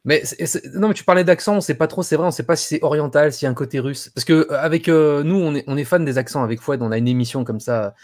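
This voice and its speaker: Male host, quick and lively, fairly high voice. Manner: enthusiastic, thanks donors. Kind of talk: casual live chat.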